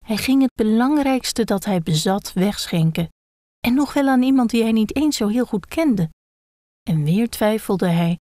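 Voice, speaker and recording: A woman calmly reading a children's book aloud. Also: a little high, dry recording, studio quality. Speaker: reader.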